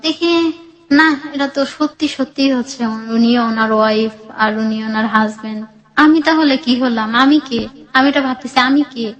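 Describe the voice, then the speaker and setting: A woman's voice: a little high, normal speed, a bit bright, low-quality recording. A woman, telling her personal life story in a rambling, emotional way, full of restarts. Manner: rambling, with many restarts and acted-out quotes.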